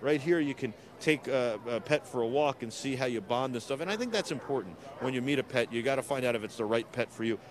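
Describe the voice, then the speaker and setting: Against a crowd in the background, this middle-aged man from New York City talks fast and animatedly with a medium pitch and few pauses. He's hosting a casual outdoor live stream in a city park, upbeat and chatty, filling his walk-around coverage with fillers.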